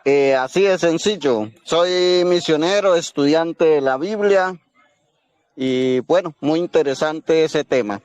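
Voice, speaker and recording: A man's voice: fairly high pitch, slow pace, a little mellow, dull audio. A man from Colombia, giving a plain, confident debate introduction. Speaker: debater, missionary. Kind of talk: online debate opening statement.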